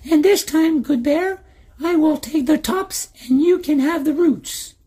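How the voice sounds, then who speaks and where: A crafty old farmer, piping high. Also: male voice, measured pace, warm tone. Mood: sly. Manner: strained, very high put-on voice. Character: crafty old male farmer, quick-witted. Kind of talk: storybook reading.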